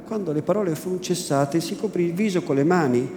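A man narrating a classic novel in a measured, expressive theatrical reading. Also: a little high. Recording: echoey room with background noise.

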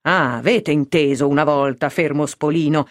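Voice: mid-range voice, normal speed, no room sound, clean studio sound, lightly acted. A reader voicing a stern male court official, curt and commanding, with a threatening edge.

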